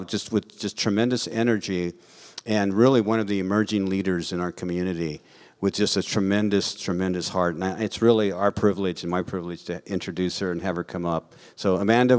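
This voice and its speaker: A man hosting an event, casually introducing a guest speaker to the audience with warm praise. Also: fairly low pitch, clear, resonant tone. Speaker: event host.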